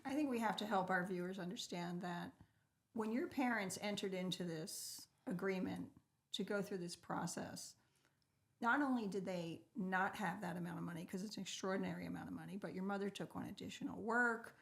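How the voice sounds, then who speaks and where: A woman's voice: medium pitch, a little fast, gravelly, fairly bright tone. A woman hosting an interview, asking eager follow-up questions and reacting with empathy. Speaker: host. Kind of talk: casual interview conversation.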